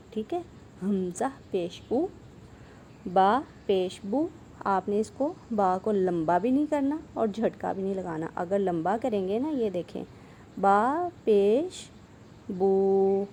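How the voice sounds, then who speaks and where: A woman gives a patient recitation lesson, addressing her student directly. She draws out each drilled syllable slowly and carefully, then rushes through her explanations. Her pitch sits in an ordinary middle range, with a faint hiss of room noise behind her. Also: dark tone. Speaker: Quran reading teacher. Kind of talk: online Quran pronunciation lesson.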